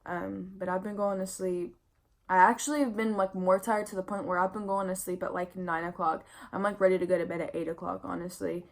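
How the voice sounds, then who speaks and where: Young woman vlogger, pregnant and worn out, casual and candid, level monotone delivery. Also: fairly low pitch, fairly quick, vocal fry. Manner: chatty and candid, lots of "like" and "I mean" fillers. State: pregnant and tired, yawning. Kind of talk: casual pregnancy update vlog.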